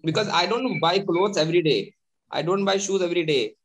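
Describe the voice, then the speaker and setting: A man with an Indian English accent, a cafe founder talking earnestly in an interview, pausing often with "uh". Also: sits high, expressive, poor audio. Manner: earnest, many hesitations. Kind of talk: video call interview.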